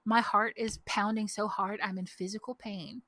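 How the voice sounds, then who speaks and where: Animated young woman telling a story. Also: medium pitch, moderate pace, no room sound. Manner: animated, heavy use of "like", acts out quotes. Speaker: podcast co-host. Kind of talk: casual storytelling chat. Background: dog barking outside.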